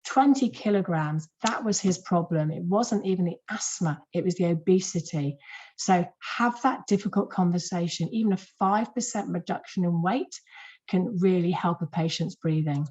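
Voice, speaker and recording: Speaking at a moderate pace in a fairly low voice, this woman clinician lectures health professionals over a webinar. She's conversational yet lively and emphatic, repeating words to drive points home, all through muffled, lo-fi sound.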